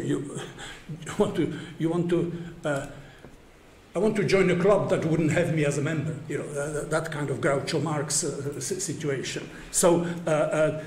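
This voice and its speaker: Older male academic speaker, raised pitch, hesitant delivery, roomy hall with faint hum. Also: a little mellow. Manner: hesitant, many stacked fillers, wry chuckles. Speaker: conference speaker. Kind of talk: academic conference talk. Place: university seminar room. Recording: echoey room, faint background hum.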